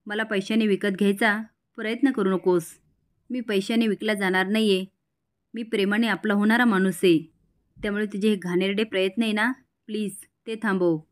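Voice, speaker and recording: A proud, scornful young man, read aloud by a woman recapping a TV serial. The woman keeps her ordinary middle pitch and reads his lines plainly. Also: steady tone, moderate pace, close to an everyday voice.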